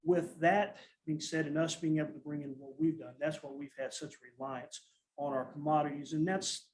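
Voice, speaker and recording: A man, a school nutrition director, presenting a financial report at a school board meeting in a steady, matter-of-fact way, often restarting his sentences. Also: on the high side, normal speed, rough recording.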